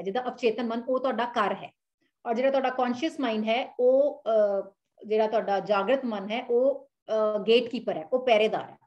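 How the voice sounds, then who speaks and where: A woman with a Punjabi accent teaching a self-help lesson in an earnest way, repeating her points and often pausing with "uh". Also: fairly high pitch, a little mellow. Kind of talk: instructional talk mixing Punjabi and English.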